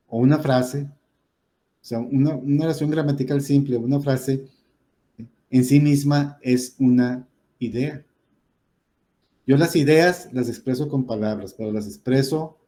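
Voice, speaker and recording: Mellow-voiced male teacher. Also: mid-range voice. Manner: patient, explanatory, many "este" fillers and rhetorical "¿verdad?". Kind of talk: classroom grammar lesson.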